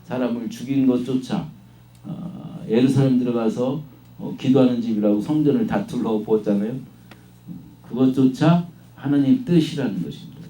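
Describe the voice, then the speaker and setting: A man giving a sermon at an unhurried pace with many hesitation fillers, now and then acting out questioning voices. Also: mid-range voice, warm tone, far from the mic. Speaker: preacher. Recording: echoey room, voice from off-mic.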